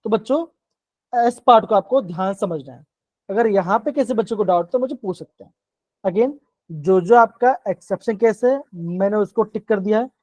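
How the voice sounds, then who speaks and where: A man's voice: high-pitched, normal speed, darkish tone, dry recording. A man teaching chemistry in a live online class, explaining step by step, repeating himself and often checking that the students follow. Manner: coaxing, keeps checking in with the class.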